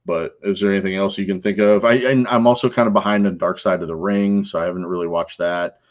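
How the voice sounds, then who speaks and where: A man co-hosting a podcast in casual chat, an animated storyteller who laughs and acts out quotes. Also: deep voice, quick pace, lo-fi sound. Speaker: podcast co-host.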